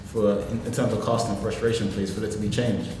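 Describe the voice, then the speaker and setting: A man's voice: fairly low pitch, flat delivery, fast talker, a little mellow. A man giving earnest interview talk, emphatic and circling back over his phrases. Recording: very echoey hall, faint music.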